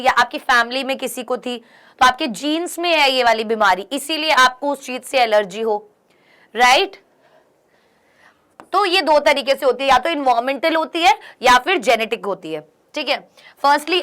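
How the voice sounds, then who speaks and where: A young woman teaches an exam-prep lesson in a high, bright voice. She reads English passages out slowly, then explains each one, often stopping to ask her students questions.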